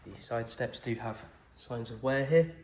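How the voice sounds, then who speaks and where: With a darkish tone in his mid-range voice and a slightly slow delivery, a car salesman who has a cold walks around a pick-up outdoors. He describes its condition plainly, step by step, in a reassuring way; the recording is echoey with faint noise.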